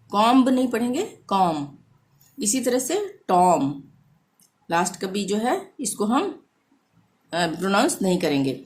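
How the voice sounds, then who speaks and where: A woman teaching a pronunciation lesson, patiently spelling out words letter by letter and repeating each one slowly. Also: on the high side, a little mellow, slight background noise. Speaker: language teacher.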